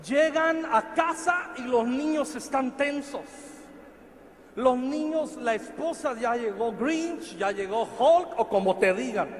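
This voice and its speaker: A Mexican man preaching a sermon, swinging from quiet asides to shouted lines. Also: extremely high pitch, takes it slowly, in a large hall, slight background noise. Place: large church hall.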